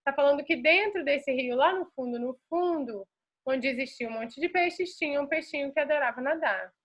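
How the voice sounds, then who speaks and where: A Brazilian woman teacher giving a school lesson, explaining slowly and reading a text aloud with marked intonation. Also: high-pitched. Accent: Brazilian Portuguese. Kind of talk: recorded classroom lesson.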